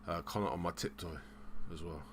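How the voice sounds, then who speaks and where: A man hosting a casual live stream, rambling and hesitant, giving shout-outs in slang. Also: sits low, fairly even intonation, brisk, background noise. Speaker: livestream host.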